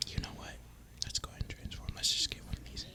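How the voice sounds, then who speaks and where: Hosting an ASMR gaming video, a man whispers fast in a breathy, unvoiced way, rambling casually and sounding at ease.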